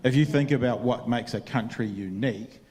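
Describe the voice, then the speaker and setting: A man's voice: mid-range voice, fairly quick, a little mellow, big-room sound. A man, casually moderating a panel discussion and restarting his phrases.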